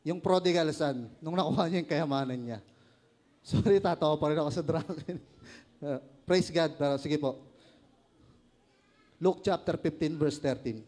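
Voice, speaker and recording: A man's voice: on the high side, normal speed, pauses often, a little mellow. A man with a Filipino accent preaching a sermon, joking, laughing at his own stories and asking the congregation questions.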